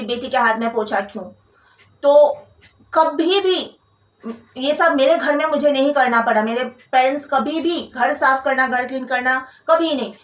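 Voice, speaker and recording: Young woman from Kolkata, high voice, indignant vlog storytelling, echoey room, a bit off-mic. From Kolkata, India. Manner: indignant, venting about in-laws. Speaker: vlogger. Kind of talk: personal storytelling to camera. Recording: roomy echo, from a distance.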